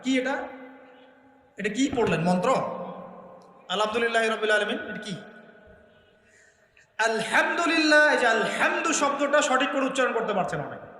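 A man's voice: extremely high pitch, lively intonation, fast, long pauses, pushed and bright. A man preaching a sermon to a live audience, emphatic and full of rhetorical questions and repeated lists. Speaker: Islamic preacher. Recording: echoey hall with long reverb.

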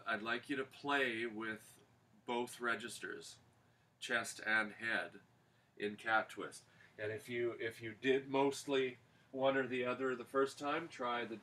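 A man teaching a yoga class for singers, giving calm, unhurried instructions with pauses. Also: medium pitch.

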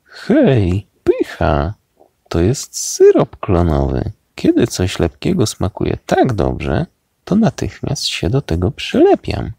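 A man reading a storybook aloud and voicing an excitable, cowardly young man who loves snacks, with yelping exclamations. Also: lowish voice, takes it slowly, gravelly, no room sound, clean studio sound, pitched above the performer's own voice, heavily acted. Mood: cheerful.

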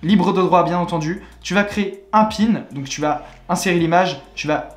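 A man's voice: sits high, moderate pace, faint music behind. A young French man giving a chatty, upbeat screen-recorded tutorial walkthrough, full of repeated filler words. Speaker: online money-making tutorial host. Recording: echoey room.

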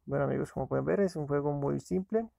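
A man's voice: on the high side, quick pace, gravelly, dark tone, no echo. A man casually narrating a screen-recorded app walkthrough, talking to viewers as friends. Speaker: app reviewer.

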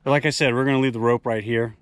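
A man's voice: mid-range voice, steady tone, very fast, smooth, no echo. A middle-aged man talking casually like an easygoing mountain guide, briefing companions outdoors on an action camera. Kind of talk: casual outdoor vlog commentary. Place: outdoors in a sandstone canyon. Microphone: action camera, handheld or helmet-mounted. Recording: noisy outdoor wind and ambience.

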